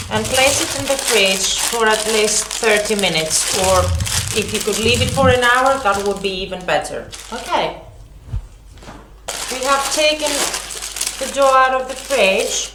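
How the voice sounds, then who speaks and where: A woman's voice: on the high side, a little slow, pauses often, roomy sound, noisy background. A woman hosting a home cooking lesson, chatty, with many fillers and self-corrections. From Greece. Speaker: cooking show host.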